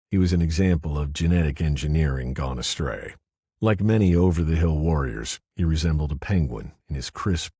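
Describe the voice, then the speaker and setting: A man narrating a first-person mystery audiobook in a wry, deadpan manner. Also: rumbling low, husky, no echo, studio quality.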